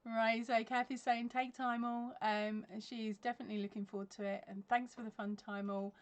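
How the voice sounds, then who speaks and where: At a normal pace, a woman from England talks in a fairly high voice with little pitch movement. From her craft room at home, yarn on the shelves behind her, she reads livestream comments during a crochet stream, captured by her desk webcam, often laughing and using ums to fill gaps.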